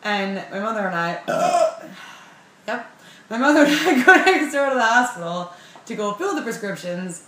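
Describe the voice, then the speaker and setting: Profane, animated young woman telling a story. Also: fairly high pitch, a little slow, a little hiss or hum. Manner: animated, profane, self-mocking. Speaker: vlogger. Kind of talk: casual storytelling. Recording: roomy with faint ambience.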